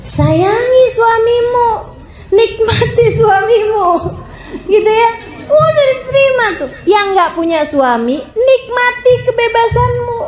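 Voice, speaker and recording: A woman preaching a sermon to her sisters, emphatic, swinging between high exclamations and low drawn-out phrases. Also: animated, darkish tone, echoey room. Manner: addresses her listeners as sisters again and again. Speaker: Islamic preacher.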